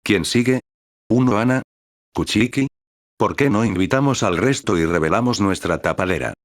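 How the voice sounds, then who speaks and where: A man's voice: on the low side, animated, normal speed, no echo, studio quality, close to an everyday voice. A man voicing an irritable, sneering male scientist captain with a snappish, complaining manner. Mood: exasperated.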